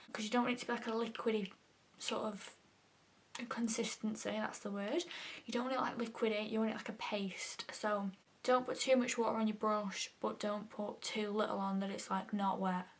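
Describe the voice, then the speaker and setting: A young woman talks through her makeup routine in a loose, chatty way. Her voice sits a little high, and she often sinks into a soft half-whisper. Her sentences are full of casual fillers. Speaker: makeup vlogger. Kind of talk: casual makeup tutorial chat.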